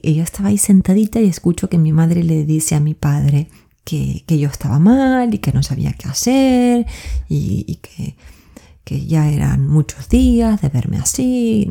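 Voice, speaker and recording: Middle-aged woman, podcast host, deep mellow voice, reflective personal storytelling. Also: creaky. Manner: reflective, addresses listener directly.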